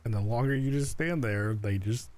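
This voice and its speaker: A man chatting casually as a fellow player in a survival game, explaining things in a relaxed way with filler words. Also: medium pitch, normal speed, faint music behind. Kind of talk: casual gaming chat.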